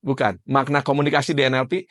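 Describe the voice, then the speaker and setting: A man's voice: mid-range voice, fairly even intonation, fast talker. A man giving a conversational classroom lecture as an NLP trainer, quizzing participants by name and explaining with everyday examples.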